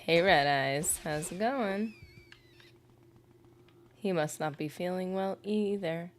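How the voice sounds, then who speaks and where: A woman's voice: on the low side, takes it slowly, a little hiss or hum. A woman streaming a game, chatting casually and rambling as she reads viewer comments aloud. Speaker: gaming livestreamer. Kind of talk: casual livestream chat while gaming.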